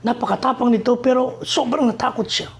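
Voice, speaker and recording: A man's voice: extremely high pitch, steady tone, brisk. A man voicing a wealthy master who questions his servant and Death impatiently. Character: stern wealthy master, middle-aged man.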